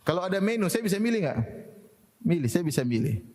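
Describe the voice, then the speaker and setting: A man's voice: sits high, sing-song, fast, a little mellow, long reverb tail. A man giving a religious lecture, laughing often and asking his listeners rhetorical questions. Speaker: Islamic preacher.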